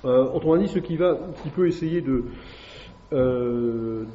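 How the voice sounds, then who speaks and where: Speaking with a mellow, medium-pitched voice, this male classics teacher and native French speaker delivers a public lecture to an evening crowd. His delivery is halting and thoughtful, full of fillers and tag questions. Faint room hiss runs behind the echoey, dull recording.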